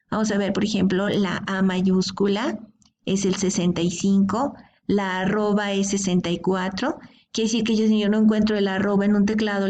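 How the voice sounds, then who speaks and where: A woman's voice: mid-range voice, darkish tone, a little hiss or hum. A woman teaching a programming class, explaining step by step and often checking in with her students. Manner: explanatory, checks in with frequent "¿sí?" and "¿de acuerdo?". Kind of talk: screen-recorded coding lesson.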